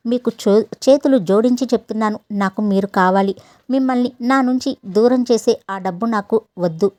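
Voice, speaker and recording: A woman's voice: mid-range voice, lightly acted. A woman playing a hurt, pleading young wife. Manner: pleading, reproachful.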